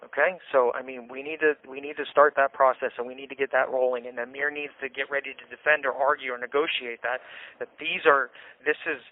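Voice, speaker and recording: On a jail phone call, an American man with a medium-pitched, steady voice talks fairly quickly and casually, venting and insistently explaining himself. The telephone handset gives a tinny, band-limited sound.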